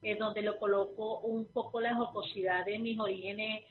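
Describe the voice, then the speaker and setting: A Venezuelan woman, a therapist and guest, answering interview questions quickly, with many fillers and restarts. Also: medium pitch, level tone, faint music behind. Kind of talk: remote interview. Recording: tinny phone line.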